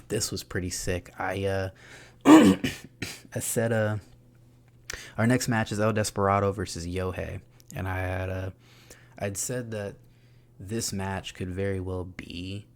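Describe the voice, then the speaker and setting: A young man giving an excited, profane, laughing recap of a wrestling show. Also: low-pitched. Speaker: wrestling reviewer.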